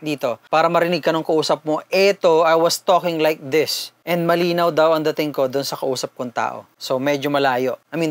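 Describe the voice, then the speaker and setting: A man with a Filipino accent and a higher-pitched voice does a casual, conversational unboxing and product review, mixing two languages as he talks informally to viewers. There is no echo on the recording.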